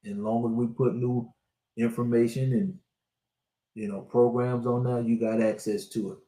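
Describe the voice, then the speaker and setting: A man's voice: medium pitch, flat delivery, normal speed, dark tone, roomy sound. Sixty-year-old man preaching to viewers. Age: 60s. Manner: preachy, repetitive, direct address to viewers. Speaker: spiritual life coach. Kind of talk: motivational livestream talk.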